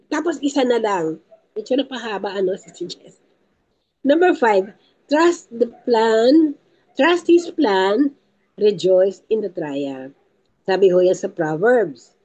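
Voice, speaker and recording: Warm emphatic woman preaching. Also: mid-range voice, muffled recording. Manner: emphatic, repeats key points, tearful at times. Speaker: lay speaker at a prayer group. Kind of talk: teaching talk to a prayer group.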